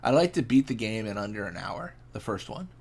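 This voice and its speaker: A man's voice: lowish voice, sing-song, brisk, gravelly, darkish tone, breathy edge. A young man casually chatting and reacting while streaming a fishing game, laid-back and rambling as he answers chat.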